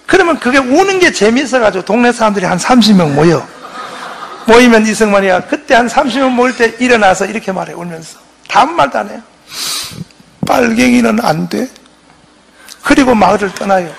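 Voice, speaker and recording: Fiery, gravelly-voiced male preacher. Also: high-pitched, lively intonation, quick pace. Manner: fiery, shouting, rhetorical questions to the crowd. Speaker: pastor giving a patriotic lecture. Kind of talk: impassioned public lecture.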